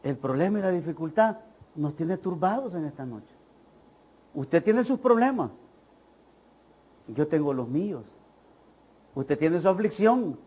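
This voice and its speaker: A man preaches a church sermon in a notably high voice. He presses his points emphatically, fires rhetorical questions at the congregation and keeps urging them to listen well. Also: expressive, unhurried, pauses often, mellow, breathy edge. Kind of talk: evangelical sermon. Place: church service.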